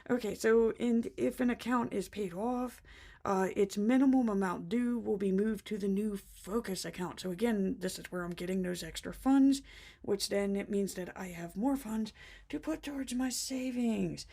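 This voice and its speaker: A woman's voice: mid-range voice, moderate pace, vocal fry, mellow. A woman vlogger chatting casually to camera, laughing often and short of breath after being sick. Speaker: planner vlogger.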